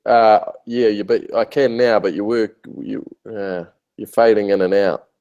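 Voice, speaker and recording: A man's voice: fairly low pitch, fairly even intonation, a little slow, darkish tone, smooth, muffled recording. A man speaking hesitantly with many fillers in a casual remote interview, his call line breaking up and fading in and out. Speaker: interviewee, hospitality software founder.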